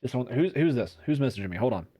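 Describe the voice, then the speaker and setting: A man's voice: mid-range voice, expressive, fast talker, dark tone, breathy edge, no room sound, clean studio sound. A man hosting a casual podcast, joking around and reading news articles aloud with a playful, wry manner. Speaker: podcast host editing his show. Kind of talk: casual podcast chat and editing commentary.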